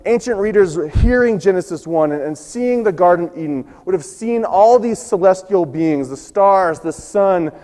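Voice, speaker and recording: A man preaching a sermon, telling a scripture story and acting out its quoted lines, his voice going hoarse. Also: sits high, expressive, moderate pace, few pauses, mellow, in a large hall. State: losing his voice. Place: church sanctuary.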